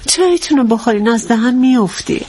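An actress playing a coy, sweet-talking traditional housewife. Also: female voice, on the high side, animated, warm tone, a little hiss or hum, natural voice. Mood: chatty. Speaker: wife.

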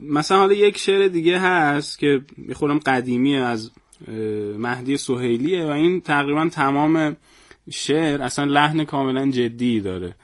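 A man who is a guest poet and humorist, speaking in a measured way and reciting verse with a storyteller's pacing. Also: on the high side. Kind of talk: conversational interview with poetry recitation.

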